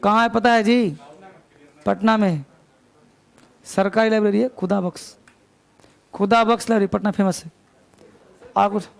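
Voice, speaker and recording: High, gravelly male teacher dictating slowly. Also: fairly even intonation. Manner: slow spelling out words letter by letter. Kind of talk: classroom dictation lesson. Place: classroom.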